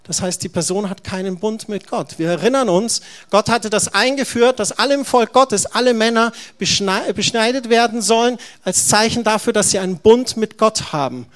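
A male pastor giving a family service sermon, telling the story in a lively way, acting out quotes and talking to the children. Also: sits high, normal speed, hardly any pauses.

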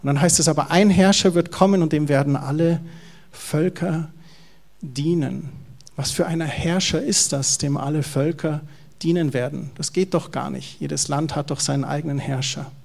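A man's voice: a little high, moderate pace, vocal fry. A middle-aged male pastor with a Bavarian German accent, preaching a sermon and asking the congregation questions. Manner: lively storytelling, asks the congregation questions.

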